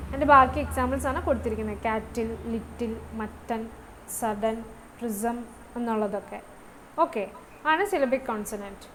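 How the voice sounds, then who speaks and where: A woman with a high, light voice teaches a class. She moves between English terms and her own language and pauses to check that her students follow. A faint hum sits under her voice. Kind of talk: online class lecture.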